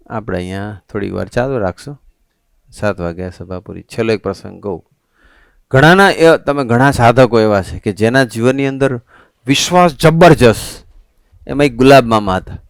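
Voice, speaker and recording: A monk preaching a sermon to a family assembly, telling stories in an animated, conversational way. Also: male voice, on the low side, clear, resonant tone, no echo, studio quality. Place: assembly hall at a resort.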